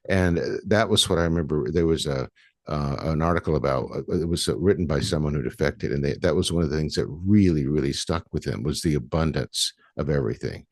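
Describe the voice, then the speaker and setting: Low-voiced chatty male podcast host. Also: no echo, studio quality. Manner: chatty, rambling with many restarts. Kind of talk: casual interview.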